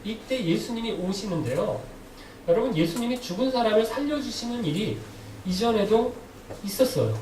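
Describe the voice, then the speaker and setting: A man's voice: high voice, animated, moderate pace, darkish tone. A male pastor preaching a sermon who keeps putting questions to his congregation, recorded in a church sanctuary from a distant mic. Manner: asks the congregation frequent questions. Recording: echoey hall, distant mic, faint noise.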